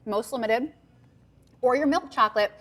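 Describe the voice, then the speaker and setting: A woman's voice: on the high side, normal speed, fairly bright tone. Upbeat woman TV shopping host. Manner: upbeat, chatty, salesy, repeats item numbers. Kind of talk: live TV shopping pitch. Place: TV studio.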